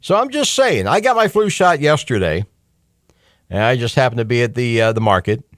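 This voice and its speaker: Here a middle-aged American radio host chats casually and opinionately, folksy and conversational, tossing in emphatic asides. The mid-range voice swings widely in pitch at normal speed, recorded cleanly in a radio studio on a close mic with no room sound.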